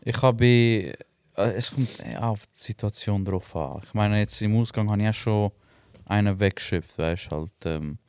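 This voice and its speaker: A young man with a Swiss German accent tells a story in casual podcast chat, slightly low in pitch. He laughs often and keeps it animated. The sound is dry and close. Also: normal speed, hardly any pauses, clear, resonant tone, no echo. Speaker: podcast co-host.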